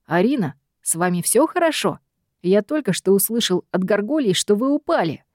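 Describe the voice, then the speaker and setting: A woman voicing a burly male werewolf from the legal department who calls out loudly and anxiously. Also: medium pitch, lively intonation, moderate pace, dry recording, studio quality, close to an everyday voice. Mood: worried. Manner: loud and anxious.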